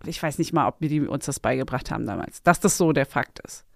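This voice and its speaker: A woman's voice: low-pitched, expressive, fairly quick, gravelly, no room sound, clean studio sound. A woman co-hosting a podcast in casual chat, blunt and bantering, swearing now and then. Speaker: podcast co-host.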